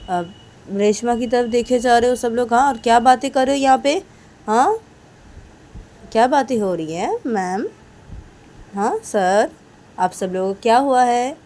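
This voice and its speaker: A woman voicing a bold, protective young woman who talks loudly and keeps firing questions. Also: fairly high pitch, animated, a little slow, pauses often, voice pushed up. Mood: insistent. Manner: loud, insistent, repeating questions.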